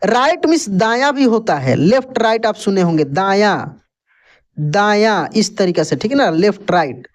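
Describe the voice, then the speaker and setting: A man's voice: sits high, lively intonation, normal speed. A man teaching English vocabulary in a lesson, spelling each word letter by letter, then repeating it and its meaning patiently, often checking in with the listener.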